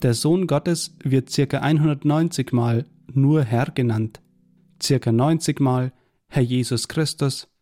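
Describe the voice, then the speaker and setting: A man reading a devotional Bible tract aloud in a measured, earnest way, quoting scripture verses. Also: mid-range voice, dark tone, soft background music.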